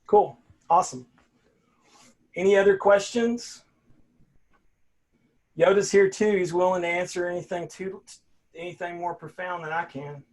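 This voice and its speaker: A man's voice: high-pitched, steady tone, unhurried, long pauses. An older man, a college philosophy instructor talking casually to his class over a video call, folksy and rambling, often restarting his sentences.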